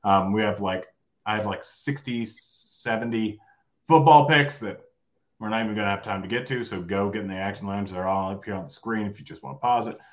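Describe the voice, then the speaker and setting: A man with a lowish, fairly even voice hosts a live sports betting show, chatting casually, joking, and quickly running through his picks. The recording sounds muffled, and his voice is going hoarse.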